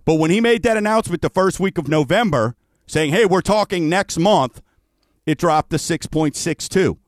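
Higher-pitched male radio host, folksy. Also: expressive, normal speed, dry recording, clean studio sound. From New Orleans. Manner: folksy, chatty direct address. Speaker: radio show host, mortgage professional. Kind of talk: radio talk and sponsor reads.

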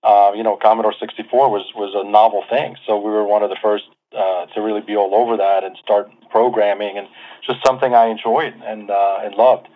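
A man's voice: fairly low pitch, steady tone, fairly quick. Man in his 40s on a tinny line. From Lebanon. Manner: chatty, self-deprecating, many fillers and restarts. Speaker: guest. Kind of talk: casual interview talk.

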